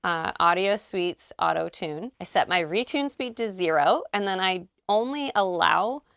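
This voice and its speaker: A woman's voice: on the low side, animated, a little slow, vocal fry, a bit bright, clean tone, no echo. A woman vocal producer walking through her track in a recording studio, chatty and gushing with slang. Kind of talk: casual studio walkthrough.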